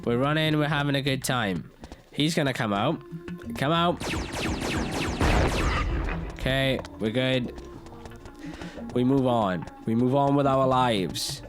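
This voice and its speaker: A man's voice: medium pitch, slow, pauses often. A man hosting a podcast, commentating his gameplay with exasperated, swearing complaints. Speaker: podcast host. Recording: game audio and music playing behind.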